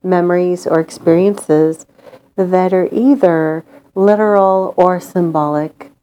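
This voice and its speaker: A woman leading a guided meditation in a calm, gentle, soothing manner with long pauses. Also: on the low side, low-quality recording.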